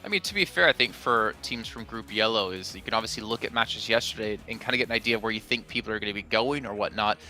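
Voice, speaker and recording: A man's voice: on the low side, fast, few pauses, pushed and bright, soft background music. A man hosting an esports analyst desk, quizzing and teasing his panel. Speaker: desk host.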